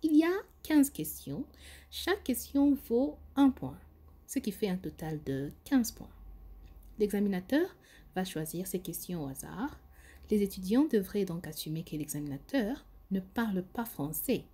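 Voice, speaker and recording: A woman giving an English lesson, modelling phrases slowly and carefully. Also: medium pitch, sing-song, warm tone, husky. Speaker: English teacher. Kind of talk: language lesson.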